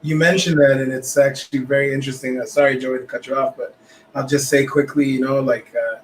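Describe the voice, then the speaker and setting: A man co-hosting a casual talk show, speaking reflectively with many pauses and fillers. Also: mid-range voice, fairly even intonation, a little hiss or hum, low-quality recording. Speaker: podcast co-host. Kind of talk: casual conversation.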